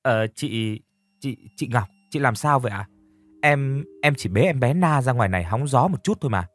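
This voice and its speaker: A man voicing a timid young girl who stammers softly. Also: mid-range voice, lively intonation, normal speed, lightly acted. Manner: stammering, soft.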